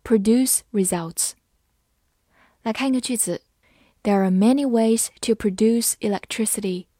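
A young woman teaching English vocabulary, spelling out words letter by letter and reading example sentences slowly. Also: on the high side, mellow, no room sound, studio quality. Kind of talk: vocabulary lesson.

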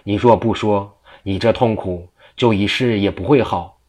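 A stern, teasing monk questions a suspect in a storybook tale, read in a man's low voice. He presses hard but keeps a mocking edge. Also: normal speed, darkish tone, lightly acted. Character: eccentric mocking monk, middle-aged man.

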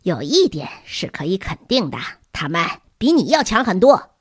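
A bossy drill mistress barks short, commanding lines, read by a woman in a storybook. Her voice swings widely in pitch and has a husky edge. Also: sing-song, moderate pace, no room sound, studio quality. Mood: brusque. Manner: brusque, commanding.

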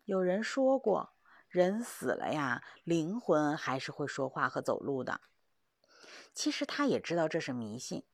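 A woman narrating a children's story, expressive and slowing down for suspense. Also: on the low side, creaky, dry recording, clean studio sound.

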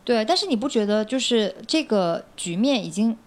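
A woman's voice: a little high, lively intonation, normal speed. A woman in a casual discussion, giving her own opinions in a reflective, conversational way.

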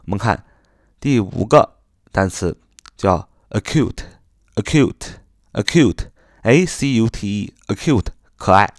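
A man teaching English vocabulary in Chinese, slowly repeating each word and spelling it out letter by letter, speaking English with a Mandarin Chinese accent. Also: lowish voice, expressive, dry recording, studio quality. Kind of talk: spoken vocabulary lesson.

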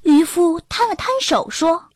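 A woman narrating a children's storybook in an expressive storytelling manner. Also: very high voice, a little slow, no room sound, studio quality. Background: faint background music.

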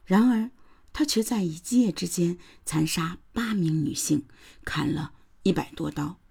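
Low gravelly woman narrating true crime. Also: mellow. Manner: grave, dramatic, dropping to a whisper. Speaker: podcast host.

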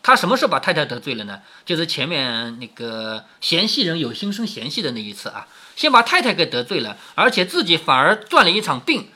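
Retelling a classic novel, a storyteller with a slightly high voice talks fairly fast with few pauses. He animatedly shifts between reading the text and explaining in a chatty way, tossing rhetorical questions to the listener.

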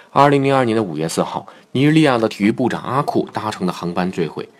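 A man hosting a football commentary show, narrating from a script in a solemn, measured storytelling manner. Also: lowish voice.

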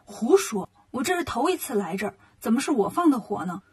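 A woman voicing a brash, hot-tempered monkey king in a storybook, quick and indignant. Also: sits high, expressive, dark tone, husky, recorded from a distance.

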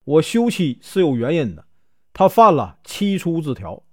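A man's voice: fairly high pitch, sing-song, normal speed, breathy edge, no room sound, studio quality. A male storyteller voicing an anxious young scholar who pleads his case before a judge. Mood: pleading. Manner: pleading, defensive.

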